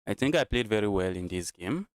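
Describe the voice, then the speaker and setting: Nigerian guy talking thru his chess moves, lowish smooth voice, keeps repeating himself. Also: lively intonation, fairly quick, no room sound, studio quality. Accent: Nigerian English. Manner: thinks aloud, repeats phrases. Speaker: chess streamer. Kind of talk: live-streamed chess commentary.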